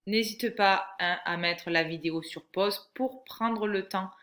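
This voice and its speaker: A woman teacher giving a patient, clearly articulated reading lesson to a young child. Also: medium pitch, measured pace, fairly bright tone.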